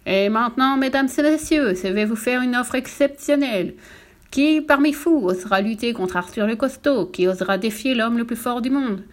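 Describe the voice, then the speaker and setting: A woman voicing a pompous, grumpy circus ringmaster who makes slow, showy announcements in a storybook reading. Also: fairly high pitch, close to an everyday voice. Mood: grandiose.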